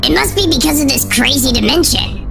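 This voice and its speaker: A performer voicing a cartoon character whose voice has been sped up into a squeaky chipmunk voice, talking fast and excited. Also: creaky. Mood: startled. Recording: cartoon clip played back with loud music. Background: loud music.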